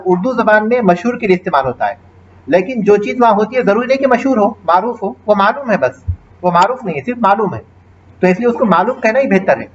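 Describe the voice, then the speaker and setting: A man's voice: high-pitched, highs cut off, slight background noise. A man teaching an Arabic grammar class online, patiently explaining and reciting verb forms with their translations.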